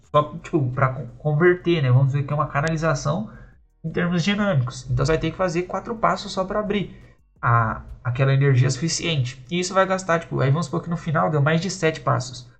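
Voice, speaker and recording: A man's voice: on the high side, creaky. A man casually explaining the magic rules of a tabletop role-playing game, talking loosely and checking in with listeners as he goes. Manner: loose, conversational, many fillers and rhetorical checks. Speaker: tabletop RPG system designer explaining rules.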